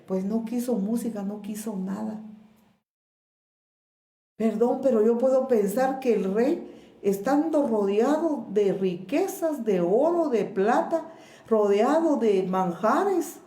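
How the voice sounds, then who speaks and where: A woman pastor with a Guatemalan Spanish accent, preaching a sermon in a slow, measured way with pauses and repeated words. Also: on the high side, expressive, dark tone, roomy sound. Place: church.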